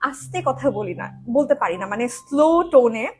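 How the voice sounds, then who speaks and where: A woman with a hoarse voice, talking loudly in casual chat while doing a makeup tutorial on a live stream. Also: fairly high pitch, lively intonation, moderate pace. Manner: talks loudly, habitually projecting her voice. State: hoarse from daily loud talking.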